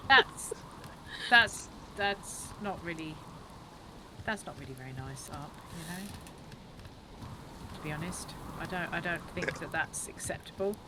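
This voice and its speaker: A woman's voice: fairly low pitch, a little slow, long pauses, noisy background. A woman playfully teasing friends and thanking her chat during a casual game stream. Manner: playful, teasing, sings silly bits. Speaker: streamer, co-host.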